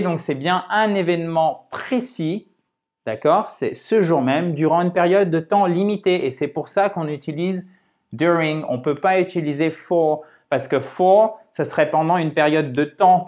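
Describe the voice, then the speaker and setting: Man teaching english grammar, french native speaker, patient and clear, slows down on examples, slightly high voice. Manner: clear, patient explaining with frequent check-ins. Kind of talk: video lesson explaining grammar.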